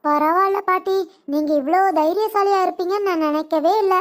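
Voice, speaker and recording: A woman's voice: very high voice, a little fast. A woman voicing a cheeky teasing boy. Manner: teasing, sarcastic. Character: cheeky mischievous young grandson.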